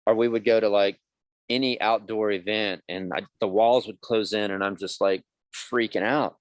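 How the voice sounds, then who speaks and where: A man's voice: fairly low pitch, fairly even intonation, moderate pace, no room sound. A man in his fifties, a podcast guest, telling his life story candidly and acting out the dialogue of people in it. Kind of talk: conversational podcast interview.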